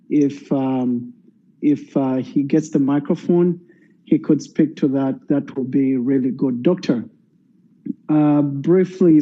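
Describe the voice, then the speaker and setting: A man's voice: medium pitch, mellow. A man moderating a live online party meeting, hesitant with many fillers as he hands the floor to speakers. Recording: dull lo-fi online audio.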